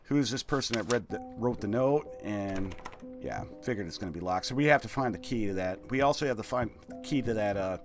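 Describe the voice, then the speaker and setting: A man's voice: on the low side, lively intonation, fairly quick, over loud music. A man with a slushy lisp on his s sounds giving casual, jokey video game commentary, muttering asides and reading notes aloud.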